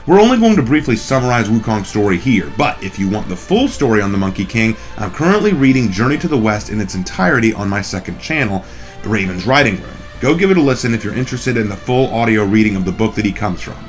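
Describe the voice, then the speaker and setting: A man's voice: fairly low pitch, big pitch swings, fast, soft background music. A man hosting a scripted explainer video, his voice slightly off from a cold. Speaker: video host.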